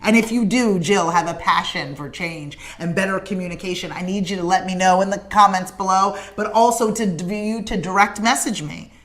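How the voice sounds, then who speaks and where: A woman hosting a morning livestream talks directly to the camera, making an earnest, emphatic appeal with a repetitive, rallying cadence and naming viewers in the comments. Her medium-pitched voice is a bit bright, moving at a moderate pace with few pauses.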